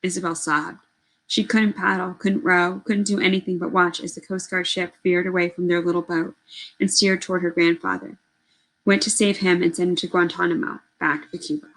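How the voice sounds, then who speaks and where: A woman reads a novel aloud with earnest, expressive delivery. Her voice sits a little low for a woman, and she now and then corrects a word as she goes. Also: brisk, poor audio. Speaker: reader.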